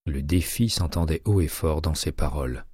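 A male narrator reading a crime audiobook at a measured, even pace. His voice is very low and dark, with a husky edge, and the recording is close and dry with no room sound at all. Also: no echo.

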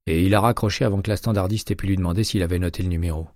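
A man's voice: sits low, fairly even intonation, racing, a little mellow, dry recording, clean studio sound, lightly acted. A man reading an audiobook, voicing a matter-of-fact male police detective who lays out the facts of a case. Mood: explaining.

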